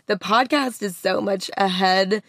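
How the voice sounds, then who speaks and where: A woman chats casually as a podcast co-host in a small, dry space inside a van. Her pitch sits in the middle for a woman, and she talks in an everyday conversational way. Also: a little slow, fairly bright tone, no room sound.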